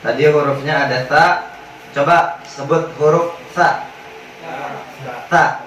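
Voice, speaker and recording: A man teaching Quran recitation rules in casual slang, joking with his class and chanting drawn-out examples. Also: on the high side, fairly even intonation, a bit bright, a little hiss or hum. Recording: very echoey hall, mic at a distance.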